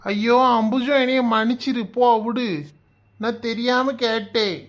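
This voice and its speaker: Brief: woman playing a soothing cartoon husband, fairly high voice, pleading. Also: steady tone, unhurried, close to an everyday voice. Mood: placating. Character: middle-aged husband and father, patient, placating. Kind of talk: animated village comedy voice acting.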